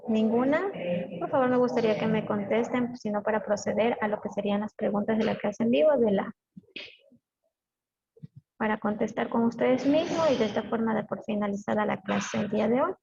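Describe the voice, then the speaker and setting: Gravelly-voiced woman teacher leading a live class. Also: fairly high pitch, brisk. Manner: formal, courteous addressing of students. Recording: dull muffled sound with crowd noise.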